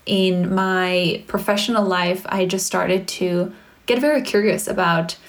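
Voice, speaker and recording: A woman's voice: fairly low pitch, fairly even intonation, measured pace. A woman who grew up in Sweden, a brand founder talking casually in an interview and using "like" often. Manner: chatty, frequent "like" fillers.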